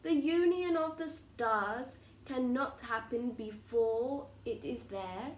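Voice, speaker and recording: A woman speaks as a channelling medium in a seance, solemn and formal. Her voice sits a little high and moves very slowly, with deliberate pauses. The room adds clear echo around her oracular phrasing. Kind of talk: trance channelling, like a seance medium delivering spiritual messages. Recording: roomy echo with faint background noise.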